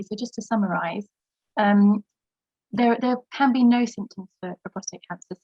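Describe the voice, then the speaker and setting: A woman's voice: mid-range voice, vocal fry, slightly rough, no echo. A woman co-hosting over an online call whose audio keeps breaking up, summarising questions from the chat. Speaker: webinar co-host reading chat questions. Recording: muffled lo-fi call line, dry.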